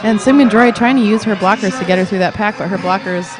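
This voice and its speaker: A woman calls a roller derby bout play by play in a live stream. She talks in a relaxed, chatty way and laughs often at her partner's jokes. A busy arena crowd roars clearly behind her voice. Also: mid-range voice, fast, over music.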